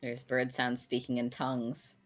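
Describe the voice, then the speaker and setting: Low, slow, dry-voiced woman player. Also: monotone, faint music behind. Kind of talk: casual game chat.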